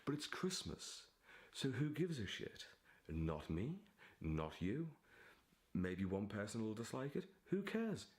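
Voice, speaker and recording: A man with a fairly low, darkish voice talks casually to camera at a slow pace, very animated. A vlogger and aspiring novelist, he comes across as theatrical, giddy and digressive.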